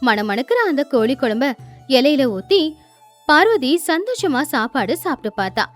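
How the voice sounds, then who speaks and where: A woman narrating a moral storybook tale in a gently emphatic storytelling manner, with faint music underneath. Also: sits high, very animated, normal speed.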